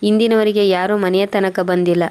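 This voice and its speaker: A woman's voice: medium pitch, little pitch movement, normal speed, darkish tone, clear, resonant tone, no room sound, lightly acted. Woman reading as a harsh scolding son.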